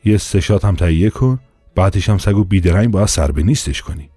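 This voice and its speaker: Man doing a bossy police inspector, pompous, blustering, low gruff voice, dry close sound. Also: animated, dark tone, no echo, faint music behind. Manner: blustering, commanding, quick to turn. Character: pompous bullying male police inspector, middle-aged. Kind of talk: audiobook character voice.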